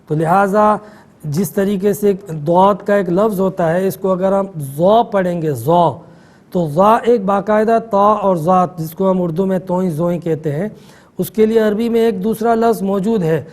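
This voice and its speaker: High-voiced man explaining religious rulings. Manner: calm explanatory lecturing. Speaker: mufti answering callers. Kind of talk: religious call-in answers.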